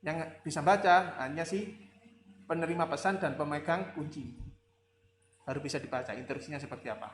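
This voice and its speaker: A man's voice: on the high side, fairly quick, pauses often. A male lecturer giving a conversational classroom lecture, rambling with fillers and rhetorical questions, with a slight tinge. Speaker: university lecturer. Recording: echoey room with faint ambient noise.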